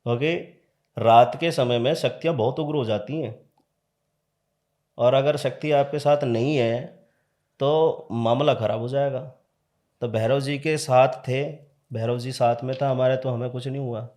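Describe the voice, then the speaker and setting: A man, a tantric practitioner, telling a true horror story as a podcast guest in a casual, animated way, acting out the dialogue. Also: medium pitch, a little slow.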